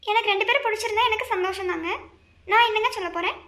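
A woman's voice: very high-pitched, very fast, pushed and bright, exaggerated voice. A woman voicing an anxious young wife in a cartoon family drama, pleading and coaxing her husband.

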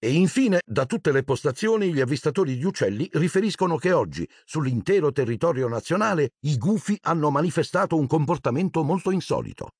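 A man's voice: on the high side, animated, brisk, few pauses, darkish tone, husky, no echo, clean studio sound, voice pushed up. A man voicing a formal television newsreader in announcer style, in an audiobook reading.

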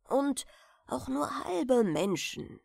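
Lady reader doing a slow old grandpa, low gravelly voice, musing, storybook bedtime feel. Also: very animated, a little mellow, no echo, studio quality, heavily acted. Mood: solemn. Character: gentle old grandfather, a retired sea pilot.

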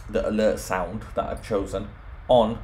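In an informal home automation tutorial that walks through software on screen, a man explains each step. His lowish voice is level, unhurried and a little mellow, with a faint hiss or hum in the background.

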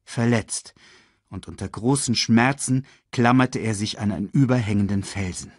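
A man reading a children's story aloud in a slow, dramatic storytelling manner. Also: no echo, studio quality. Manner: slow and dramatic, very lively in pitch. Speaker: audiobook reader. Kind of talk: storybook narration.

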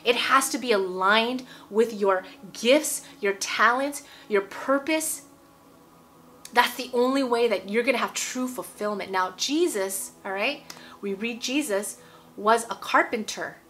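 A woman's voice: on the high side, unhurried, fairly bright tone, slight background noise. A woman in her forties giving a casual, emphatic sermon to camera at home, repeating phrases and checking in with "okay?". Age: 40s. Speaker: preacher. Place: indoor room at home.

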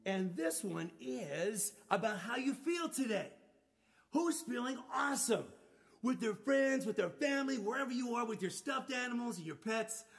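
A man's voice: extremely high pitch, lively intonation, normal speed, creaky. A man performing as a children's musician, leading a playful, upbeat live-streamed sing-along for kids. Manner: playful, upbeat, calls out to young listeners. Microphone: live-stream microphone. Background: loud acoustic guitar.

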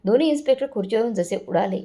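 A woman's voice: fairly high pitch, animated, racing, mellow. A woman reading a dramatic story aloud and speaking every character's lines in much the same voice. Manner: addresses listeners as friends, reads all characters' lines in near-natural voice. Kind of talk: scripted story narration.

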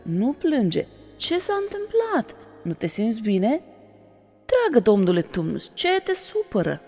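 Woman reading as a little girl, anxious, pleading, high-pitched storybook voice, long echoing reverb. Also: big pitch swings, soft background music, exaggerated voice. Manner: pleading, urgent. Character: young girl, kind and worried.

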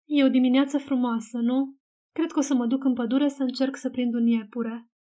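A woman reading as a hoarse, troubled young man. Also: sits high, steady tone, natural voice. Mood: calm. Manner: hoarse and quiet. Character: troubled young man, dazed then calm.

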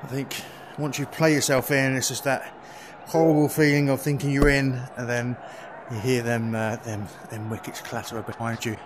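A man giving relaxed, chatty running commentary on his own play in a VR cricket game, with quick exclamations. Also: medium pitch. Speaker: gaming video creator. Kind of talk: live commentary while playing a VR cricket game. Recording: steady background noise.

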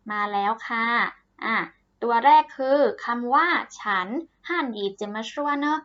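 A woman teaching a language lesson to children, cheerful and encouraging, saying words slowly and repeating them for pupils to copy. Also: fairly high pitch, fairly bright tone, highs cut off.

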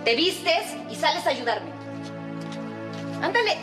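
A woman's voice: high-pitched, very animated, takes it slowly, music in the background, heavily acted. An actress playing a strict, impatient mother who scolds in an exasperated way. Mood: scolding.

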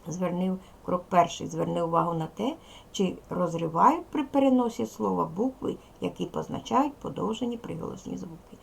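A woman teaching a recorded primary school lesson with a Ukrainian accent, explaining slowly and carefully to young pupils. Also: fairly low pitch, creaky, breathy edge. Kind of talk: recorded video lesson for children.

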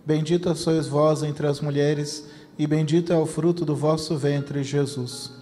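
A man with a Brazilian Portuguese accent reciting the rosary in a steady chant. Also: a little high, unhurried. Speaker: rosary prayer leader. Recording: long reverb with faint noise.

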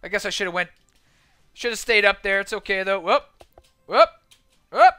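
A man giving casual, chatty let's-play commentary as he plays a game on the keyboard, excitable and self-deprecating, with frequent exclamations. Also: high voice, normal speed, smooth. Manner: talks to himself while playing on a keyboard. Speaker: gaming video host.

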